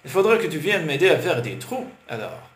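A man voicing a lively young foreign woman, friendly and chatty with a small boy, with a foreign accent. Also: sits low, brisk. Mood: cheerful. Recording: roomy with faint hiss.

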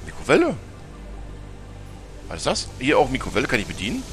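A German man does let's play commentary with wild pitch swings, a slightly fast pace, and a somewhat bright tone over faint background music. Speaking with northern colloquial German, he chats, teases, answers back to the game's characters, and bursts into high-pitched laughter.

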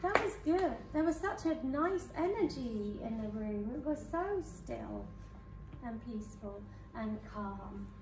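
A woman's voice: fairly high pitch, animated, recorded from a distance, heavy background noise. Soothing woman guiding hypnosis, echoey room. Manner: slow soothing suggestions with counting. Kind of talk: guided hypnosis session. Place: conference room with live audience. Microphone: far camera.

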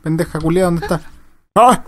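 Chilean guy doing crude lets play commentary, cusses nonstop, kinda high voice. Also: brisk, no echo. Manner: crude, excitable, swears constantly. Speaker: gamer.

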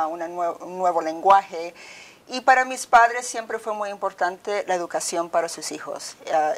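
Measured woman from El Salvador, interviewed. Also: on the low side. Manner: measured, articulate. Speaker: university provost. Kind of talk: formal interview answers. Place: office with bookshelves, indoors. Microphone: lapel.

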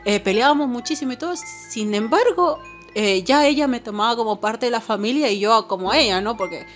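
A woman's voice: on the high side, brisk, soft background music. Chatty woman telling a spooky story. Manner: chatty, filler-heavy, keeps asking "¿no?". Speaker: channel host. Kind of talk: casual storytelling to viewers.

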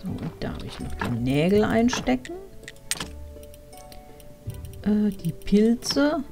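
A woman streamer talks through her game in an easy, chatty way, musing aloud about what to do next. Her voice sits at an ordinary middle pitch and comes close through a headset mic. Soft game music plays faintly behind her. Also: very animated, slow pace. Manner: chatty, thinking aloud while playing. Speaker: let's play streamer. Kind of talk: casual gameplay commentary.

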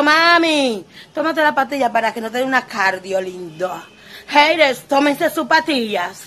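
High, bright, sassy woman vlogger. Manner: theatrical, sassy, swings between shrieks and mock prayer. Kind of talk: comedic boastful monologue to camera.

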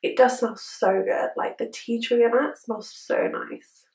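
A woman's voice: fairly high pitch, steady tone, measured pace, darkish tone, recorded from a distance. A young woman with a chirpy, perky manner, chatting casually to camera as a beauty vlogger reviewing a product. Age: young adult. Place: small room indoors. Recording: roomy indoor echo.

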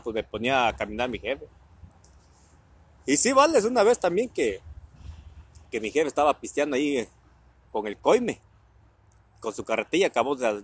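Husky, laughing Mexican man telling stories. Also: medium pitch, no room sound. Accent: Mexican Spanish. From Guerrero, Mexico. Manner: laughing often, crude slang, acts out voices. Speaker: vlogger telling family anecdotes. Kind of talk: casual storytelling.

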